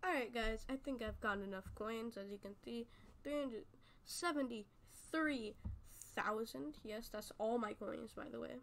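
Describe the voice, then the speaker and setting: A woman with a fairly high voice gives relaxed gameplay commentary into a desk mic. She rambles in a friendly way, restarting and correcting herself mid-sentence. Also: unhurried, gravelly, slight background noise. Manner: rambling, chatty, self-correcting. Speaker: gaming YouTuber. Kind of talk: casual game tutorial commentary.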